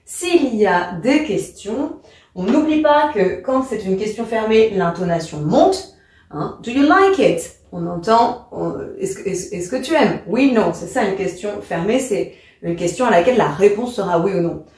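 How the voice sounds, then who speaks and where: A woman's voice: mid-range voice, expressive, normal speed, a little mellow, distant mic. A woman teacher giving a lesson, patient and step-by-step. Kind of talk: explanatory lesson. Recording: very echoey room.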